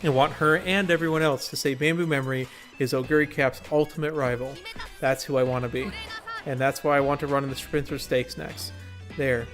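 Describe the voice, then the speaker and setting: A man's voice: medium pitch, fairly even intonation, brisk, fairly bright tone, natural voice. A man reading aloud the lines of a determined, gung-ho young racer girl from a game story, with faint music behind. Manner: earnest, gung-ho, read aloud plainly.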